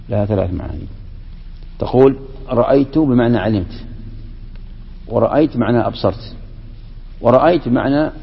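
Man, sheikh giving a lesson; rough, husky voice, recorded dull and lo-fi. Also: lowish voice. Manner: explains step by step, poses questions to students. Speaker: sheikh teaching Quran commentary. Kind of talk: classroom lesson on scripture and grammar. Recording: dull lo-fi recording with long hall reverb.

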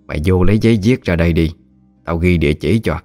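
A man's voice: low voice, quick pace, a little mellow, soft background music. A man voicing a chatty, bossy village woman in her sixties with a Mekong Delta Vietnamese accent, blunt and familiar. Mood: brisk. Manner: blunt, familiar, talks down fondly.

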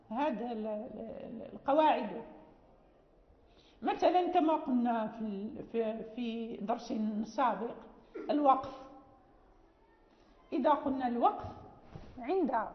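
High-voiced woman teaching in an echoey hall. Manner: patient explaining, frequent restarts and checking questions. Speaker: teacher of Quran recitation. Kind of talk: classroom lecture. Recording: echoey hall, dull lo-fi sound.

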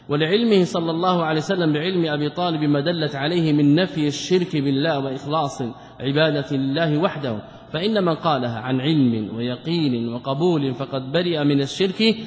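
A man, a sheikh, explaining a classical religious text in a lesson. He poses rhetorical questions, answers them himself, and repeats key words for emphasis. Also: fairly high pitch. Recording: dull lo-fi recording with long hall reverb.

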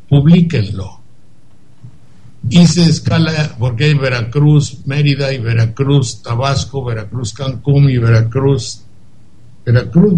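A man's voice: medium pitch, mellow, low-quality recording. An older man, a radio commentator telling a digressive story and acting out the dialogue.

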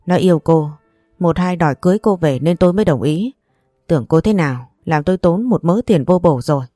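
Brief: a female narrator doing an angry older mother-in-law in an audio story, low voice, dry sound. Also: animated, fairly quick, dark tone, dry recording, soft background music, natural voice. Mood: scolding. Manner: harsh, scolding, accusing.

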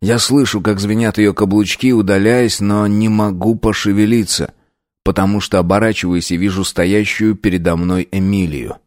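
Low-voiced male audiobook narrator. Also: steady tone, moderate pace, a little mellow, no echo, clean studio sound. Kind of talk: first-person audiobook narration.

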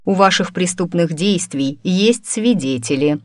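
A woman reading an audiobook voices a self-assured male mentalist investigator who talks in a languid, unhurried drawl. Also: on the low side, lively intonation, a little mellow, no room sound, clean studio sound. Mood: cool.

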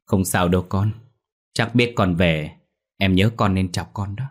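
A caring middle-aged father soothes his child in a soft, low, reassuring voice, as a deep-voiced man reads him. It is a storybook ghost tale. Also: measured pace. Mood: soothing.

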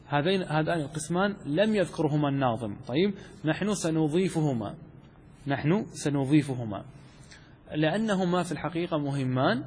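A man's voice: a little high, husky. A man teaching a class on Arabic rhetoric, asking questions and answering them himself, repeating key terms. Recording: long hall reverb.

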